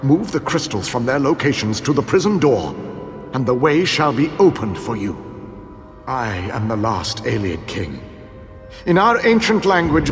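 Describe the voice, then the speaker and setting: An actor playing a proud, ancient imprisoned elven king in a fantasy game, speaking with grandiose self-assurance and theatrical pauses. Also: mid-range voice. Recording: long hall reverb, music underneath.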